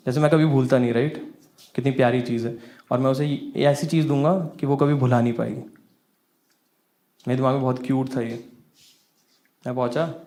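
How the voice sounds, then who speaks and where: A young man doing stand-up, spinning a story with lots of energy and a voice that keeps climbing into exasperated bursts. His pitch sits in the middle range for a man. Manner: animated, rising to exasperated outbursts. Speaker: stand-up comedian.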